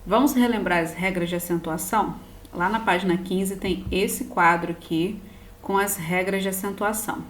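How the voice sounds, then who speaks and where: A woman's voice: on the low side, fairly even intonation, moderate pace, a little hiss or hum. A woman teacher with a Brazilian Portuguese accent gives a recorded lesson, patiently spelling out word endings one at a time. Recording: roomy echo.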